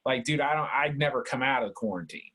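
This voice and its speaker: A man's voice: mid-range voice, fast, sharp tone. A man in his thirties co-hosting a podcast, rambling in casual chat and peppering every sentence with "like", "dude" and swearing. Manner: rambling, heavy "like" and "dude" fillers, swears a lot. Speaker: podcast co-host.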